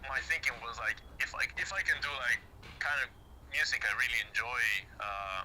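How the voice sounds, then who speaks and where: A man's voice: mid-range voice, animated, moderate pace, bright, forceful tone, a little hiss or hum, rough recording. A man in his twenties from Chile, a native Spanish speaker, chatting casually as a guest with many fillers and restarts. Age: 20s. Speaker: guest music producer. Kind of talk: casual interview chat.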